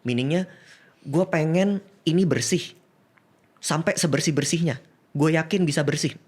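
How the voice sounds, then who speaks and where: A man's voice: a little high, normal speed, darkish tone. Guy, psychiatrist on a podcast, walks through cases, laughs a lot, drops english words. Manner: explains with examples, laughs easily, mixes in English. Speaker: psychiatrist guest. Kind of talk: casual podcast conversation.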